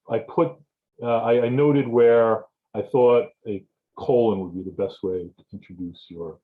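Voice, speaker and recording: A male writing instructor talks students through a lesson on a video call. He is halting and restarts phrases often, in a mid-range voice. The sound is dull and lo-fi. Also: medium pitch. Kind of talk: informal lecture to students. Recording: dull, muffled lo-fi audio.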